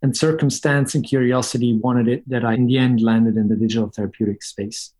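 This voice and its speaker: Speaking a little fast in a medium-pitched, slightly mellow voice with fairly even intonation, a Swiss podcast guest lays things out methodically. He is a company co-founder giving relaxed, conversational interview answers.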